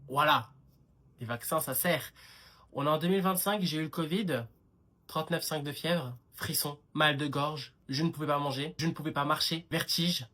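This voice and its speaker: A young man doing comic sketches and ranting in an animated, sarcastic way. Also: on the high side. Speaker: comedy creator.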